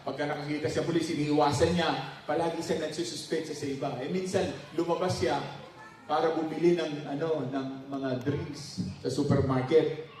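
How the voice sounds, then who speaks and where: A man pastor telling jokes at a church anniversary, laughing often and jumping into high voices for characters. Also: fairly even intonation, normal speed, darkish tone. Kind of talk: joke-telling during a church anniversary talk. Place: large church hall. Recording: distant mic in a very echoey hall.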